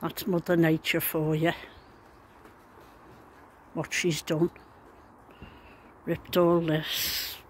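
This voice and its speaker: Extremely slow and monotone, pausing often, a man with a slightly high voice and a Liverpool accent gives casual, resigned, downcast commentary as an amateur vlogger. It's an amateur recording with background noise.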